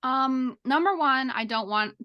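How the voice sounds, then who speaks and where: The recording is muffled, and the woman's high-pitched voice is smooth and a little slow. She's a podcast co-host in a casual chat, talking informally and saying "like" constantly.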